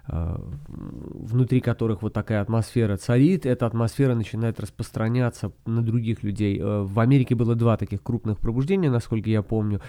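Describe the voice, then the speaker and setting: A man hosting a solo podcast, explaining things in a reflective, halting, conversational way. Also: mid-range voice, mellow, clear, resonant tone, no echo, studio quality. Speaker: podcast author and host.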